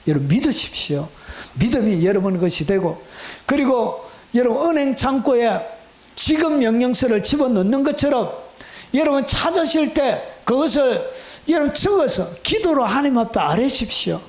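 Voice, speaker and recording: A middle-aged man preaching a sermon in a fairly high voice. He is animated, climbing into loud, excited bursts and then dropping to hushed, almost whispered asides. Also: moderate pace. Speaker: pastor.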